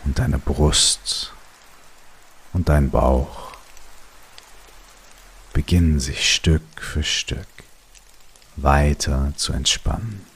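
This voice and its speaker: A man narrating a guided relaxation sleep story in a calm, soothing way, with long pauses between short phrases. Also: rumbling low, husky. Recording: steady rain noise behind the voice. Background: rain.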